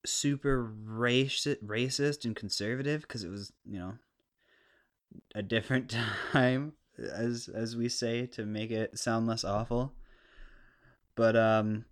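A man with a harsh stoner skater voice, rambling casually and unscripted through a solo podcast with crude, self-deprecating humor, clearly recorded on a podcast mic. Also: mid-range voice. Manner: laid-back, rambling and unscripted. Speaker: podcast host. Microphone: podcast microphone, clean close sound.

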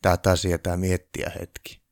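A man voicing an unflappable old Santa Claus who speaks calmly and deliberately. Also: low voice, no room sound, studio quality. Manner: calm and deliberate.

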